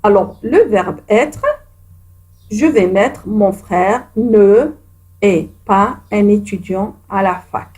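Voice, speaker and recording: A woman's voice: medium pitch, slow, dark tone. A woman teacher giving a grammar lesson to children, patient and encouraging, speaking to her pupils directly.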